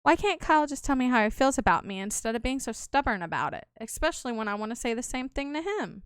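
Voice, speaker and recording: A woman reading a feisty sharp-tongued heroine. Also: fairly high pitch, lively intonation, clean tone, dry recording, studio quality, close to an everyday voice. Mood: teasing. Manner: teasing, quick-tempered.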